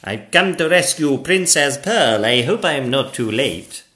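A man's voice: mid-range voice, lively intonation, unhurried, bright, forceful tone, pitched above the performer's own voice. A gallant and earnest storybook knight, put on by a man. He declaims in a raised voice that rises and falls widely. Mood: grand, gallant.

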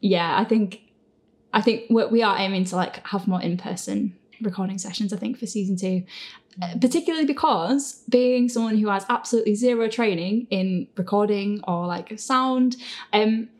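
This woman, a podcast creator hosting a casual group Q&A chat, has a medium-pitched, slightly mellow voice at a normal speed. She's giggly and keeps breaking into laughter as she talks.

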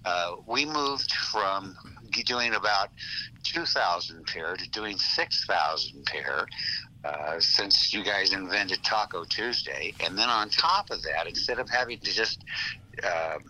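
A very deep male voice coming through a phone on speakerphone, with a sharp, bright edge to it. He is a caller speaking earnestly, stopping and restarting his sentences. A faint noise sits under the line. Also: animated, low-quality recording. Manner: earnest, halting with many restarts. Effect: heard over a phone on speakerphone. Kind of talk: casual call-in chat.

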